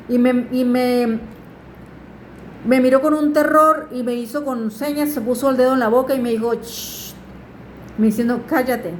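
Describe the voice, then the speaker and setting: Woman, fairly high voice, earnest faith testimony recorded in an echoey room. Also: darkish tone, a little hiss or hum. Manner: earnest, pleading with listeners to turn to God. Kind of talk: personal religious testimony.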